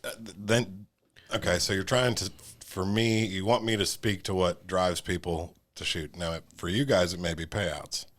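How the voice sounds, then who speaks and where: A man's voice: low-pitched, fairly even intonation, moderate pace, fairly bright tone. A man with an Ohio accent, a guest on a podcast, talking in a laid-back, folksy way that often trails off. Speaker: shooting center general manager, guest. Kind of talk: casual interview chat.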